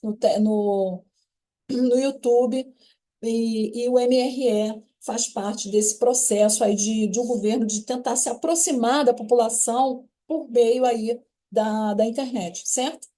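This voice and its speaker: A Brazilian woman teaching an online lesson in a mellow, warm voice set a little high. She talks patiently and often stops to check her listeners are following. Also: fairly even intonation, takes it slowly. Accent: Brazilian Portuguese. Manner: explanatory, checks in with "certo?" and "né?". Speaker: French teacher.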